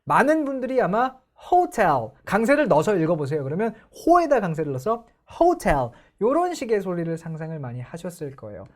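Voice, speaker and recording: A young woman gives an online lesson on English pronunciation. Her voice sits a little low, yet her pitch moves widely and expressively. She keeps turning to the viewers with questions. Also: big pitch swings, quick pace, few pauses, a little mellow. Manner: explanatory, asks the viewers questions. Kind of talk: online lecture.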